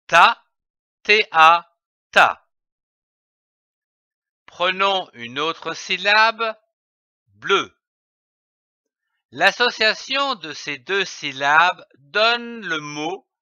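A man teaching children to read, spelling out letters and syllables slowly and stressing each sound, on a dull, lo-fi recording. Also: on the high side, sharp tone, clean tone, no room sound. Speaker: reading teacher. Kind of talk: slow, carefully enunciated reading lesson.

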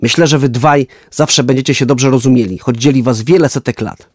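A man voicing a strict but kind woman schoolteacher in a children's story, speaking with firm authority and then gentle instruction. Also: medium pitch, brisk, no room sound, studio quality, natural voice.

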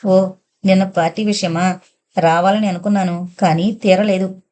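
A woman's voice: lowish voice, level tone, moderate pace, close to an everyday voice. A woman voicing an anxious young lover. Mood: light apologetic. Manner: soft, pleading.

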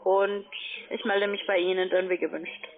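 Her medium-pitched, level voice moves at a moderate pace as she pitches financial products by phone in formal German, a language she didn't grow up with. The wording is non-native, and the audio has a thin, narrowband telephone quality.

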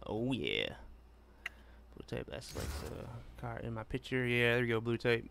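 This is casual live gameplay talk from a man racing in a game and answering his viewers. He speaks at a moderate pace in a gravelly mid-range voice with a completely flat delivery, and loud game engine noise covers his voice.

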